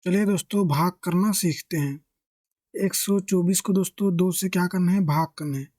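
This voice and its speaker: A maths teacher with a mellow, warm, medium-pitched voice explains a lesson step by step at a normal speed. He poses questions and answers them himself in the same breath, constantly addressing viewers as friends. The sound is close and dry, with no room echo.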